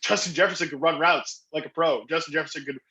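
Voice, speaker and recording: A man's voice: on the high side, poor audio. A man speaking as a guest analyst on a podcast, talking enthusiastically with lots of fillers and restarts. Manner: excitable, fast talker with frequent fillers and restarts. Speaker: fantasy football analyst guest.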